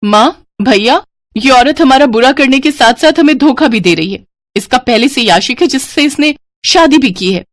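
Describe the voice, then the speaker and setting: Woman doing a spiteful young sister-in-law in an audio storybook, a high voice that leaps up and down as she points fingers, shrill and theatrical, close and dry with no room sound. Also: lively intonation, moderate pace, no echo. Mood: indignant. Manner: shrill, accusing, dramatic. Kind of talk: storybook voice acting.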